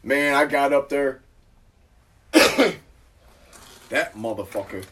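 A man with a husky, breathy voice tells a profane story in casual chat. He acts out what people said and talks with animation. He sounds set back from the microphone. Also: mid-range voice, lively intonation, slow pace, a bit bright, distant mic.

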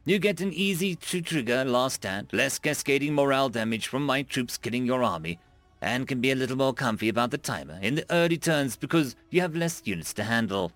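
A man's voice: mid-range voice, animated, fairly quick, a bit bright, dry recording, faint music behind, lightly acted. A man voicing a cocky young woman gamer who teases her friend in a taunting, playful way.

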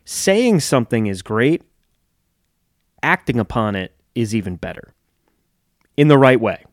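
A podcast host who also owns a gym delivers a solo, casual monologue, candid and reflective, joking and swearing now and then. His medium-pitched voice swings widely in pitch at a measured pace, in clean studio sound with no room noise.

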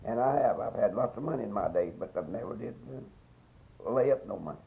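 A man's voice: fairly low pitch, expressive, quick pace, vocal fry. An elderly man with a Southern Appalachian accent tells stories of the past in a folksy, rambling, repetitive way, as an interviewee in an informal oral history. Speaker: interviewee recalling local past. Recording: dull, muffled field recording.

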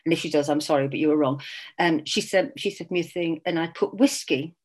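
A middle-aged English author from England, whose speech carries traces of a Scottish accent, chats casually in an interview. She laughs often and restarts her sentences. Her voice is low-pitched and a little mellow, and she talks fairly quickly.

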